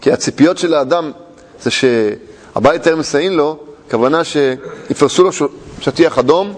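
High-voiced preacher with playful repetition. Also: male voice, big-room sound. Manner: rhetorical questions, playful repetition and wordplay. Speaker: rabbi teaching a class. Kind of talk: religious lesson, sermon.

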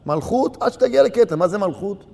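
Man, preacher, religious sermon, rhetorical questions, high voice, long reverb hall. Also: expressive, creaky, a little mellow, breathy edge. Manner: rhetorical questions, emphatic repetition.

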